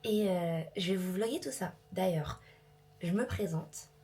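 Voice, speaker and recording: A woman's voice: lowish voice, measured pace, warm tone, slightly rough. A woman in her twenties chatting casually in a home vlog, rambling and mixing in English words. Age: 20s. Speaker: vlogger.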